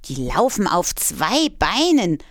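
A woman voicing a scruffy, grumpy old tomcat in a storybook reading, talking gruffly. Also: lowish voice, sing-song, slow, dry recording, studio quality, exaggerated voice. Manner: gruff, grumbling.

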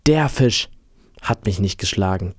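A man's voice: lowish voice, animated, unhurried, breathy edge, no room sound, clean studio sound. A man reading a storybook aloud, voicing an exhausted, defeated old fisherman who speaks in a tired, resigned way. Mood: weary.

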